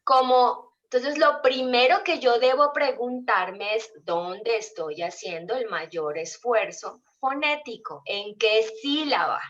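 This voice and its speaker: A woman's voice: fairly high pitch, takes it slowly, hardly any pauses, a bit bright. A woman teacher on a dull lo-fi call. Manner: patient, explanatory, questions students often. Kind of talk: online class lecture.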